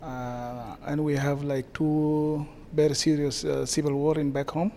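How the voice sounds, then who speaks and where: A community association president with a South Sudanese accent answers interview questions haltingly, pausing and hesitating often. His fairly high voice stays flat, gravelly yet mellow, with slight background noise.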